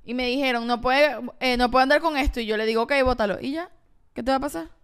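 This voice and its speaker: A woman's voice: high voice, smooth. A woman co-hosting a podcast, teasing her co-host and pushing back in casual chat. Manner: teasing, quick to laugh and push back.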